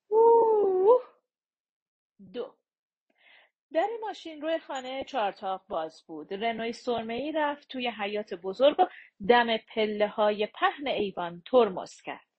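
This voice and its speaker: Husky-voiced woman reading an audiobook. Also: a little high, dull audio. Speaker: audiobook narrator. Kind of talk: audiobook narration.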